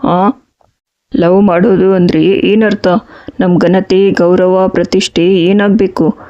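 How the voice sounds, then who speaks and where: A man's voice: high voice, little pitch movement, takes it slowly, mellow. A man playing a stern middle-aged father who scolds his son about family honour. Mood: scolding. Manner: scolding, indignant. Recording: slightly dull audio.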